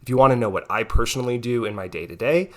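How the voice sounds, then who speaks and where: Speaking fast in a mid-range voice, a young economics tutor explains a topic in casual tutoring style with lots of "right?" tags. He has a cold, which makes him sound a little nasal.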